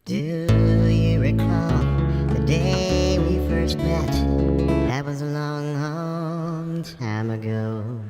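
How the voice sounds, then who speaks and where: A man's sung vocal sample played back with an extreme formant shift, sounding pitched up and unnatural. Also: extremely slow. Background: plucked guitar accompaniment.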